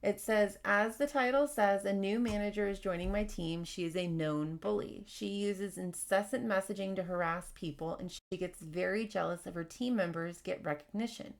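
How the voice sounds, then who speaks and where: A woman hosting a casual advice podcast, talking fast and candidly while she reads out workplace stories and comments. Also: medium pitch, gravelly. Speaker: podcast host.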